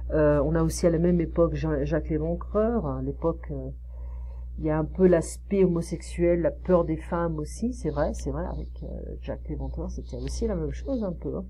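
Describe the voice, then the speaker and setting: A French woman tutoring French one-on-one, explaining slowly with many fillers and modelling pronunciation. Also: deep voice, mellow, breathy edge. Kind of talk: one-on-one online French lesson.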